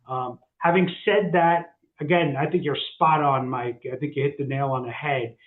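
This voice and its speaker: Echoey phone-line man talking markets. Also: a little high. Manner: halting, many restarts and fillers. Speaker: co-host, financial advisor. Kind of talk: casual market discussion.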